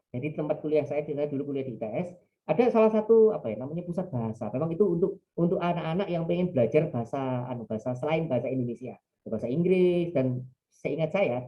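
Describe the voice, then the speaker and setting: East javanese guy preaching in a webinar, rambly storytelling, muffled call audio. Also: a little high. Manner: chatty, digressive storytelling. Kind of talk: religious talk in a webinar. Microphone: online call mic.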